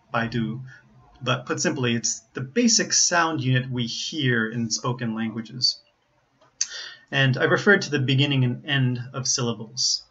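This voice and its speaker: An American man giving an instructional pronunciation lesson, explaining carefully and enunciating examples deliberately. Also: mid-range voice, sharp tone. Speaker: English pronunciation teacher. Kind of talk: instructional explanation with word demonstrations. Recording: slightly dull, lo-fi audio.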